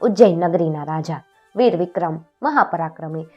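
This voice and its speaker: A woman narrating a traditional folk tale in a steady storytelling manner, lifting her voice for the characters' speech. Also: on the low side, moderate pace, dull audio, soft background music. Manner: steady, clear storytelling with lifted voice for quoted speech.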